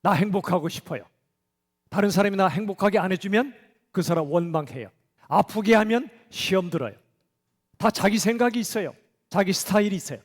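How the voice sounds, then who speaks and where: High-voiced pastor preaching in a reverberant hall. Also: male voice, animated, fairly quick. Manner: conversational, asks the congregation questions. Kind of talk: sermon. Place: church sanctuary.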